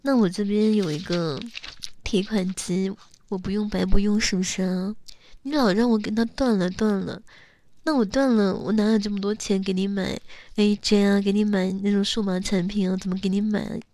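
A young woman acting a teasing, coaxing young woman who calls herself big sister, in an intimate role-play audio spoken close to the mic with soft whispers. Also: mid-range voice, fairly even intonation, moderate pace, no echo, close to an everyday voice.

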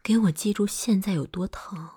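A woman playing a breathy, hot-tempered older girlfriend, in whispered role-play. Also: medium pitch, normal speed, warm tone. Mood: scolding. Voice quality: very breathy, husky. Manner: swears freely, swings from scolding to coaxing.

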